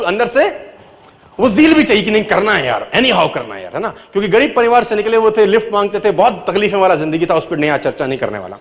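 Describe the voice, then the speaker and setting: A middle-aged man with a high-pitched voice gives a motivational talk, telling his own story. He swings from loud, emphatic peaks to low, quiet asides and drops English phrases into his speech. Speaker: motivational speaker.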